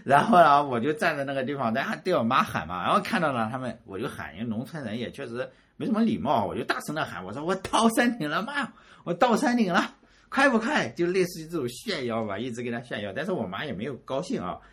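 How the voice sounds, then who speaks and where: Lively husky-voiced man telling a story. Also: medium pitch, fast talker, hardly any pauses. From Shandong, rural China. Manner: animated, repeats words, chuckles at himself. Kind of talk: casual personal storytelling.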